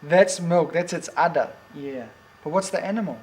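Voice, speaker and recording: A man's voice: fairly high pitch, moderate pace, a little mellow, slight background noise. An older man, playfully reading picture books to a toddler at home, with teasing questions and animal noises.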